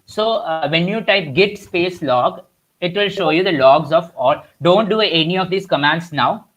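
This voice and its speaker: A young adult man with an Indian accent teaches a live online workshop, his high voice fairly bright and his pace measured. He explains things with lots of fillers and restarts, speaking over a computer mic on a video call.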